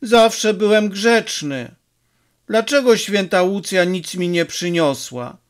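A man's voice: high-pitched, lively intonation, slow, voice pushed up. A man voicing a stubborn, hurt six-year-old boy who pleads and insists, in an audiobook reading. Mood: stubborn, plaintive.

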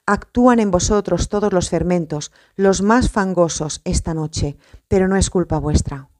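Woman voicing a solemn, gentle male teacher in a storybook reading, mellow and unhurried. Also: lowish voice, no echo, natural voice. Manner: calm, solemn.

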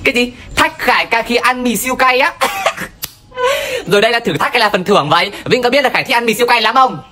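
A man's voice: extremely high pitch, lively intonation, rapid-fire, bright, forceful tone. A young man presenting a challenge vlog in a theatrical, exclamatory way. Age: young adult. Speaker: challenge vlogger. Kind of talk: exclamatory social media vlog. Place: outdoor yard. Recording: music behind the voice. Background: music.

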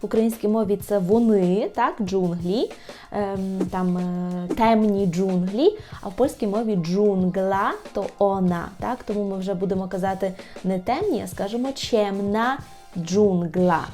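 A woman gives an online Polish lesson, her voice warm and mellow. She draws out each example word slowly and clearly so learners can repeat it. Soft music plays in the background. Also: medium pitch. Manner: clear, drawn-out repetition of example words. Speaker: Polish language teacher.

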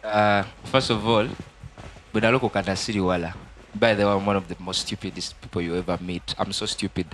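A young Ugandan gospel musician with a Ugandan accent gives his testimony in a TV studio interview on a handheld mic. His lowish, slightly bright voice stays fairly even as he talks fast and earnestly, mixing Luganda and English. There's a little hiss or hum.

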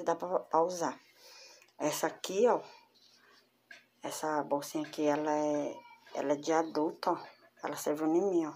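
A woman's voice: sits low, darkish tone. A woman vlogging from home, chatting casually as she shows and prices her crochet work and talks straight to her viewers. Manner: chatty, addresses viewers as girls. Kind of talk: casual show-and-tell. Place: home room with door closed.

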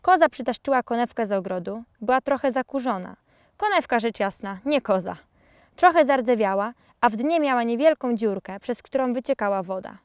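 A woman reads a children's story aloud with a lively, expressive delivery. Her voice is clear and slightly high. It is recorded close and dry. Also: normal speed, no room sound. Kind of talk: scripted storybook narration.

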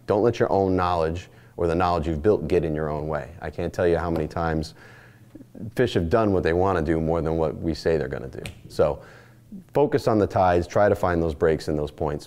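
A man's voice: sits low, a little mellow. A man in his forties, a charter captain, giving a plainspoken instructional talk in short stacked phrases, recorded on a lapel mic in an indoor studio. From Northeastern United States. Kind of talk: instructional presentation. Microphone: lapel mic, framed mid-shot.

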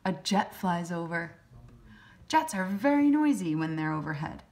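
A woman reading a children's picture book aloud as a teacher, in simple, deliberate short phrases. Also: fairly low pitch, big pitch swings, a little mellow. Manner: acts out sound effects. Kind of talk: children's storybook read-aloud.

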